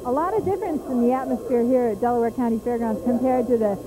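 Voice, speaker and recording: A woman with a slightly high voice works as a trackside interviewer at an outdoor racetrack. She asks her questions in a smooth, polished broadcast manner. Clear background noise from the track carries behind her. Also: fast talker.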